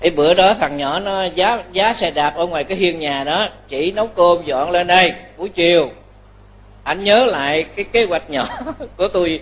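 A man's voice, a Buddhist monk speaking, pitched fairly high for a man. He preaches in a lively storytelling way, often checking with his listeners that they agree. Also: moderate pace. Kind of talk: Dharma talk sermon.

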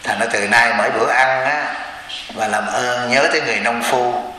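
Male Buddhist preacher, sharp bright voice, sermon in a very echoey hall with faint room noise. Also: mid-range voice, normal speed. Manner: keeps asking the audience rhetorical questions. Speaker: Buddhist teacher. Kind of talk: sermon to a congregation. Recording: echoey hall with long reverb.

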